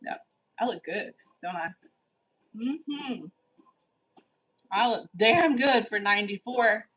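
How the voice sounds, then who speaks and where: In her forties, this livestream host reads viewers' chat aloud in a teasing, bossy manner and scolds the rude commenters. Her voice is a little high and animated, with a bit of brightness and a breathy edge, and she talks at a slow pace. The recording sounds rough.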